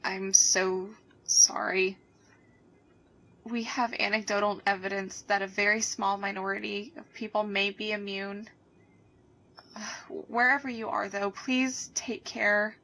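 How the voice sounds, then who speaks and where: An actress voicing a female radio news anchor reading emergency bulletins in a measured newsreader style. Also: medium pitch, steady tone, poor audio. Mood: tender. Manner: measured newsreader delivery, softening into gentle pleas. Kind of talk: scripted news broadcast in a game.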